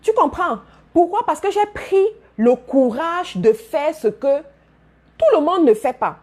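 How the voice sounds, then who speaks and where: A woman's voice: high-pitched, darkish tone, breathy edge. A woman giving a motivational business talk to her followers, speaking emphatically, repeating key phrases and addressing listeners directly. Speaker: business coach.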